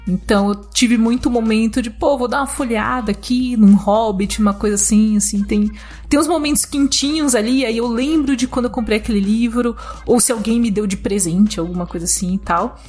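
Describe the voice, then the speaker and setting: A woman's voice: fairly high pitch, fairly quick, a little mellow, slightly rough, faint music behind. A woman hosting a podcast, chatting enthusiastically. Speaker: podcast host. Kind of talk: casual chat.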